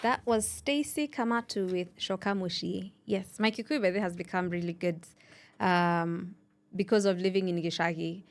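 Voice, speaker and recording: A woman's voice: fairly low pitch, moderate pace, a little hiss or hum. A woman from Nairobi with a Kenyan accent, hosting a radio show and chatting casually, telling stories and acting out the people she quotes. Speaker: radio host.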